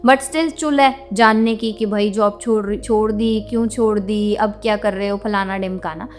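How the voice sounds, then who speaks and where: A woman's voice: mid-range voice, fairly even intonation, moderate pace, soft background music. Blunt, indignant young woman vlogger. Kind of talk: venting monologue to camera.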